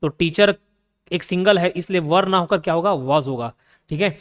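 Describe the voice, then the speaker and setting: A man with a Chhattisgarh Hindi accent teaches a grammar lesson in a large hall, his voice sitting high at a moderate pace. He explains step by step, posing questions and answering them himself.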